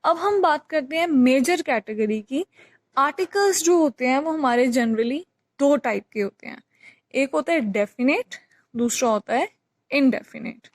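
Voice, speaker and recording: A woman's voice: high voice, lively intonation, a little slow, no room sound. A woman teacher patiently explaining a grammar lesson, repeating key points with examples. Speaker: English teacher.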